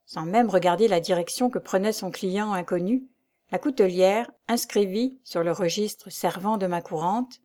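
Audiobook narrator, woman, calm and even, warm mellow tone. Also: medium pitch. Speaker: audiobook reader. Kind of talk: scripted narration of a classic novel.

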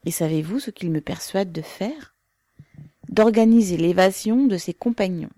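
A woman's voice: medium pitch, normal speed, mellow, dry recording, clean studio sound, lightly acted. A woman voicing an earnest, proud young woman revolutionary who speaks with restrained intensity.

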